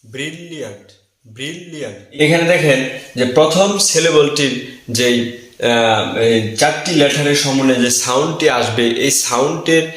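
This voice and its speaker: A man giving a whiteboard pronunciation lesson, slowly repeating the key word again and again. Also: medium pitch, echoey room, low-quality recording. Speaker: English pronunciation teacher. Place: indoor room with a whiteboard.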